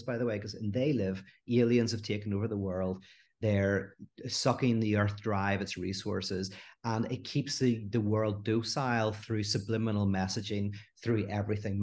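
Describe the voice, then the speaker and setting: A middle-aged man, a guest philosopher in an animated podcast conversation who acts out the voices in his anecdotes. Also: on the low side.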